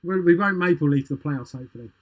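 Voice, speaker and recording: A man's voice: a little high, fast talker. Chatty man, casual hockey talk. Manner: rambling, chatty, laughs easily. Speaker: podcast co-host. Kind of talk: casual chat.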